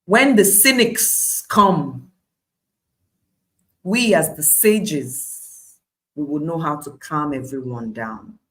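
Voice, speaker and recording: A woman's voice: low voice, expressive, slow, pauses often, fairly bright tone, low-quality recording. Emphatic Nigerian woman preaching. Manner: declarative, emphatic, repeating phrases for weight. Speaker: preacher, Bible study host. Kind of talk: devotional sermon and Bible study.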